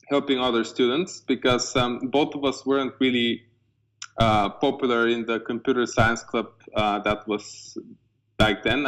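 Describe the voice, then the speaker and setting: Male, 20s, Bulgarian accent, medium pitch, casual interviewee telling his story. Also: poor audio. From eastern Bulgaria. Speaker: software company co-founder being interviewed.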